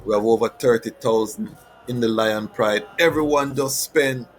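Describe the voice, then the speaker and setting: A man's voice: mid-range voice, moderate pace. Jamaican man talking in Rasta speech. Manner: Rasta speech with patois phrases and proverbs. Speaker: host of a Rastafari reasoning platform. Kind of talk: informal appeal to the audience, closing out a show.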